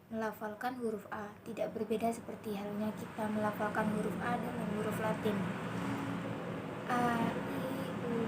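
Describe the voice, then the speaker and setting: Young female instructor, slightly high voice held on a narrow range, careful enunciation, audible background noise. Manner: slow, careful enunciation of letter sounds. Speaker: student presenting a lesson. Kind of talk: instructional recitation lesson.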